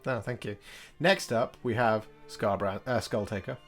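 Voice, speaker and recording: A man with a low voice, talking in an easygoing, chatty way as he hosts a casual conversation about his hobby. He is self-deprecating and unhurried, and faint music plays underneath. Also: fairly bright tone.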